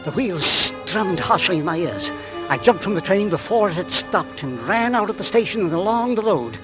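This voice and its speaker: A man with a high, very animated voice plays an anxious middle-aged English businessman who narrates an old radio drama, speaking at normal speed. His delivery starts tense and hushed, then climbs into frantic panic. The rough recording sounds like an old radio broadcast with music.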